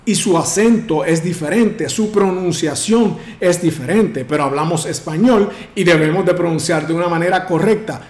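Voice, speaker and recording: A man coaching on public speaking, projecting his voice firmly with big deliberate swings in pitch. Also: darkish tone. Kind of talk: instructional talk to camera. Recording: roomy echo.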